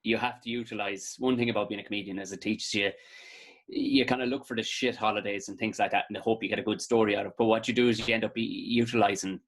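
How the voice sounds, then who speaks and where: An Irish comedian in his thirties chatting casually as a podcast guest, telling stories with bursts of high mock voices. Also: fast, breathy edge. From Ireland. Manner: animated storytelling, jumps into high-pitched mock voices.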